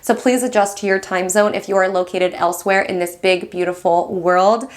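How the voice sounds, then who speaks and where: A woman with a West Coast American accent, hosting a weekly horoscope monologue, talking fast, excited and encouraging, calling listeners "my love". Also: medium pitch. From United States. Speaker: astrology host.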